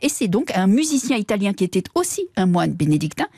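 Husky-voiced woman radio language columnist. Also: medium pitch, big pitch swings, fast talker, warm tone, no echo, clean studio sound. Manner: playful, explanatory, self-mocking. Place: radio studio. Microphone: studio microphone.

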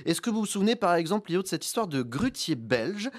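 A man hosting a radio talk show, jokey and teasing, fond of quick puns. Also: high voice, very animated. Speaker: radio host.

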